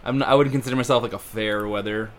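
A man's voice: fairly low pitch, fairly even intonation, fast talker. A man co-hosting a podcast, talking in casual, joking banter about his evening. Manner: joking, laid-back banter. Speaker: podcast co-host. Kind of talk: casual chat.

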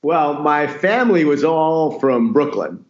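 A man's voice: on the high side, big pitch swings, unhurried. Middle-aged man, roomy dull sound. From Queens, New York. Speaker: interview guest. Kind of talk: casual conversational storytelling. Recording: dull, roomy, echoey audio.

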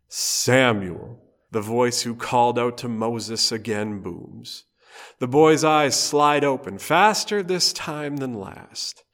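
A man preaching a storytelling sermon, telling Bible stories slowly, phrase by phrase, with dramatic pauses. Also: mid-range voice.

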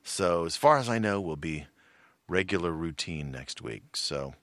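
Deep-voiced man in casual chat. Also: animated, a little slow, a bit bright, no room sound. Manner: rambling, laughs often, many fillers. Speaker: podcast co-host.

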